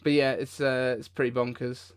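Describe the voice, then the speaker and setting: A man with a mid-pitched, smooth voice hosts a live reaction stream, commenting informally and off the cuff with an incredulous edge. His delivery is flat and his pace normal.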